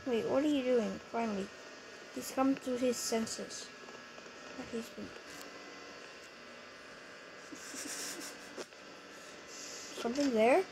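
A young female gamer chatting excitably and getting easily startled while playing a game with friends. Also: fairly high pitch, a little slow, creaky, long pauses. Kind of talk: casual gameplay commentary. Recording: noisy home recording.

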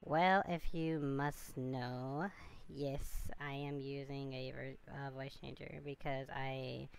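A woman talking through a voice changer that shifts her pitch down, chatting playfully with her stream and greeting viewers by name on a headset mic. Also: fairly even intonation, takes it slowly, vocal fry, smooth. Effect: voice changer, deep pitch shift. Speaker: game streamer. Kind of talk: casual live-stream chat.

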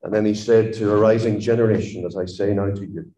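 A man's voice: lowish voice, steady tone, fast, dark tone, roomy sound, low-quality recording. Impassioned male preacher. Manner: impassioned, emphatic. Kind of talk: sermon.

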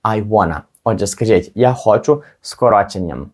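A man narrates a language lesson in a scripted, teacherly way. His pitch moves lively up and down. He spells out practice phrases slowly and with care. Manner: slow, deliberate modelling of practice phrases.

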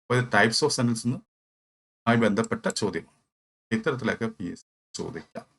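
A man's voice: fairly low pitch, moderate pace, gravelly, fairly bright tone. A man with a Malayali accent teaching English grammar for an exam, explaining step by step and answering his own questions. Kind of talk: exam-prep lecture.

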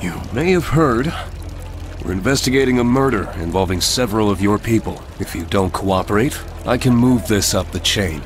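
Serious, low-voiced police detective played by a man. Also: expressive, moderate pace, lightly acted. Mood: stern. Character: firm, serious adult male police detective. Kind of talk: video game voice acting. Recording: loud music behind. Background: loud game music.

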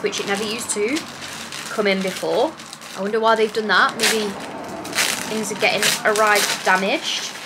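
A chatty young woman talks straight into her camera from a small bedroom, easygoing and peppered with ums and likes. Her voice sits at an ordinary middle pitch. A clear hiss of room noise runs under the close camera mic. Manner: chatty and upbeat, lots of fillers. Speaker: lifestyle vlogger. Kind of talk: casual vlog chat to camera. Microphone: camera mic at close range.

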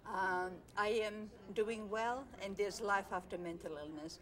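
An older woman from Croatia, a mental health advocate, speaking earnestly to camera in a studio with many pauses and fillers. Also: mid-range voice, a bit bright, rough recording. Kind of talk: speaking to camera in a filmed interview. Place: studio with blue backdrop.

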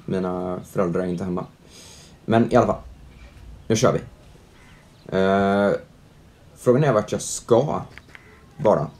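A young man doing chatty let's-play commentary at home, reading out the game's prompts, joking with it and reacting loudly to scares. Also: deep voice, pauses often. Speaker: gaming youtuber. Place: at home, indoors.

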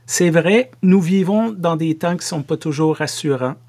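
This is a pastor, a middle-aged man whose French is Québécois, giving a sermon on camera in his home office. He talks slowly and deliberately, slipping in playful remarks, in a rather high and slightly mellow voice.

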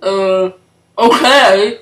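A woman's voice: medium pitch, very slow, fairly bright tone. A woman voicing Goyle, a timid, hesitant male henchman in an amateur brick-film cartoon, stammering through his lines. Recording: echoey room, faint hiss.

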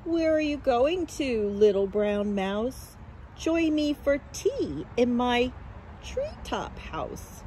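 A woman voicing a hungry male owl in a storybook reading, turning shrill and hooting when frightened. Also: very animated, takes it slowly, warm tone, a little hiss or hum, low-quality recording. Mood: inviting.

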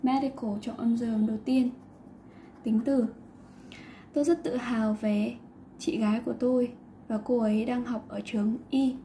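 Mellow-voiced woman teaching English. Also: on the high side, fairly even intonation, normal speed, pauses often, slight background noise. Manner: explains patiently, mixing English words into Vietnamese. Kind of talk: online lesson explanation.

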